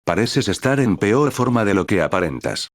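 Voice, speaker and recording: A man's voice: lowish voice, lively intonation, moderate pace, no echo, clean studio sound, lightly acted. A man voicing a blunt, curious young woman adventurer. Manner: blunt, uninterested.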